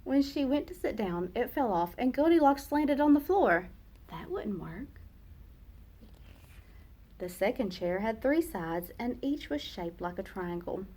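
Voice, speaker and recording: Reading a picture book to young children, a teacher uses her slightly high voice in a slow, expressive way.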